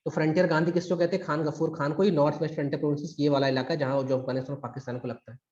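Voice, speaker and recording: A man's voice: fairly high pitch, little pitch movement, very fast, darkish tone, reverberant, muffled recording. A man teaching a live online history class for exam preparation, talking in a conversational, emphatic way. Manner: conversational and emphatic, acts out quotes. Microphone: recorded through a video call.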